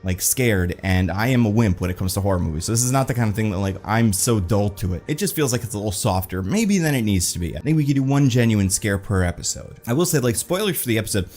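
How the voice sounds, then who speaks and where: A man with a fairly low voice talks through a TV episode in a loose, chatty review. He is animated and leans on "like" as a filler. Faint music sits underneath him. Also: fast, hardly any pauses. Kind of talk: casual review monologue.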